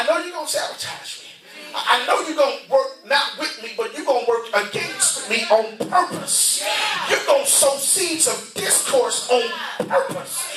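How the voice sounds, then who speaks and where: High-voiced preacher in an echoey church. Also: male voice. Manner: animated preaching, acts out scenes, shouts to congregation. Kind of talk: sermon. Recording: echoey church heard from far off, congregation audible. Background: congregation responding.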